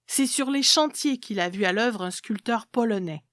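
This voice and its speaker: A woman's voice: fairly high pitch, moderate pace, a bit bright, dry recording, studio quality. A woman reading a literary story aloud as a scripted narration.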